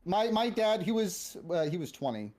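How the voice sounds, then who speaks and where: Male, thirties, Boston accent, casual personal storytelling, halting, repetitive phrasing. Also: high-pitched, very animated, darkish tone. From Massachusetts, United States. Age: 30s. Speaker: streamer.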